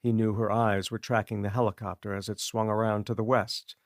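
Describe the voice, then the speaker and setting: With a somewhat low voice, a man delivers scripted audiobook narration in a measured, level storytelling style. The recording is studio quality with no echo.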